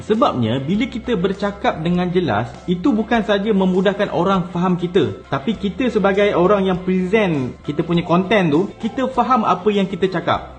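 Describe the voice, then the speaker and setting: A man with a Malaysian Malay accent talks through on-camera tips in a casual, step-by-step way. His voice sits a little high for a man. Soft music plays faintly underneath. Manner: easygoing, explains step by step with spoken demonstrations. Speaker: content creation coach. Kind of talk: casual instructional talk to camera.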